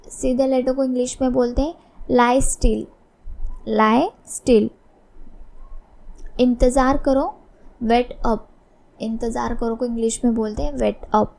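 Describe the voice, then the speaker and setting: A woman teaching English phrases, saying each one slowly and repeating it with a short explanation. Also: high-pitched, gravelly, dark tone. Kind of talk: spoken English lesson.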